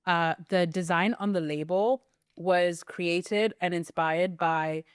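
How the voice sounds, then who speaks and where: Brief: young woman co-host, low and smooth voice, casual rambling chat. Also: slow, no room sound, studio quality. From South Africa. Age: young adult. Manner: relaxed, rambling with fillers. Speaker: podcast co-host.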